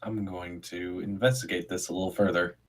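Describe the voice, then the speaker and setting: A man's voice: low voice, steady tone, a little fast. Laid-back man playing a tabletop game. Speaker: player. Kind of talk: tabletop role-play chat.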